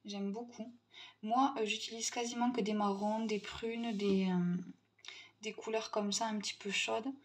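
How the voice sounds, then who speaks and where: A young adult woman from Tunisia, chatting casually in a haul video, pausing often and restarting her sentences. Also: mid-range voice, steady tone. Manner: hesitant, many fillers and restarts, chatty. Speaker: vlogger.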